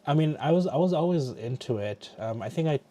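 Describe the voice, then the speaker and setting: Here the Bangladeshi livestream host, middle-aged and casual, sounds a little high and warm, with lively intonation and a fairly quick delivery. He's chatty and loose, restarting sentences often.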